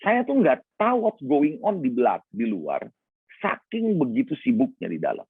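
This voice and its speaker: A middle-aged male pastor from Indonesia preaches with lively, swooping pitch and a gravelly, husky voice. He tells stories in an animated way and acts out the voices of the people he quotes. The sound is dry and tinny, like a phone line. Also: normal speed, no room sound. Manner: animated storytelling, acting out quoted voices, humorous asides to the congregation. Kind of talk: sermon.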